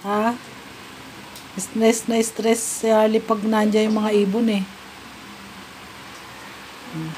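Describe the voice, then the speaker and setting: A woman's voice: mid-range voice, level tone, slow, long pauses, darkish tone. A woman vlogger casually commenting as she films her pets, laughing often and coaxing her dog. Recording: noisy home video.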